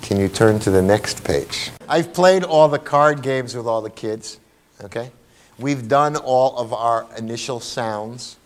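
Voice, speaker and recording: A man giving a lively workshop talk to teachers, asking rhetorical questions and checking in with the room. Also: medium pitch, a little slow. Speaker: teacher trainer.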